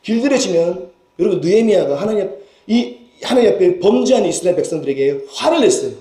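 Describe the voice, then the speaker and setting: Emphatic pastor preaching in an echoey church. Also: male voice, high-pitched, animated, quick pace, dark tone. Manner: emphatic preaching with rhetorical questions to the congregation. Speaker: senior pastor. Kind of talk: sermon. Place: church sanctuary.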